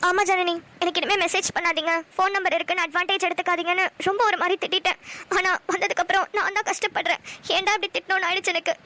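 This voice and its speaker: A woman's voice: extremely high pitch, fairly even intonation, very fast, pushed and bright. A woman voicing a guarded young woman in a cartoon who explains herself anxiously and defensively. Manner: anxious, self-justifying. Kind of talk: Tamil cartoon voice acting.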